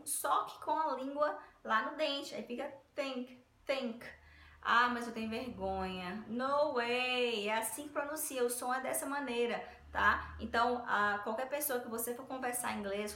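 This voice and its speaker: Brief: female teacher, bright and slightly high, upbeat casual lesson, echoey room. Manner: upbeat, explains step by step with frequent checks like "tá?". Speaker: English teacher. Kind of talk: casual video lesson on pronunciation.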